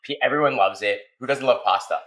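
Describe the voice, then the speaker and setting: A man's voice: medium pitch, quick pace, sharp tone, low-quality recording. A male chef chatting casually in a restaurant kitchen, teasing with dry humor. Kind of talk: casual chat.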